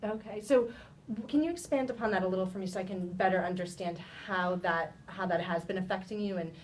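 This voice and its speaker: A woman practicing a sales pitch, asking probing client questions in a rehearsed business conversation. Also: fairly quick. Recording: distant mic, rumbly background noise.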